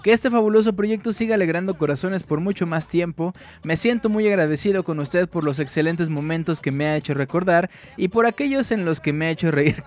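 A man hosting a music show in a casual, jokey way, using slang and laughing often. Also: on the high side. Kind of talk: casual radio show chat.

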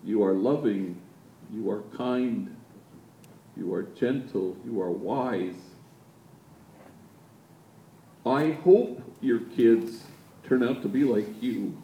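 A man's voice: on the low side, slow pace, warm tone. A man voicing an earnest, determined woman asking a question from an audience, quoting her in an echoey church. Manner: determined, moved. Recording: echoey church with faint noise.

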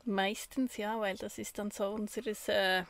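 A woman's voice: mid-range voice, flat delivery, a little slow, fairly bright tone, no room sound. A woman co-hosting a podcast in casual, conversational chat. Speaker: podcast co-host. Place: small camper van used as studio.

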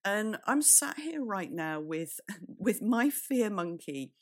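A British woman with a croaky, breaking voice, hosting a solo business podcast in a candid, conversational way and speaking straight to the listener. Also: medium pitch, sing-song, slow. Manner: candid, addresses listener directly. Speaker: podcast host.

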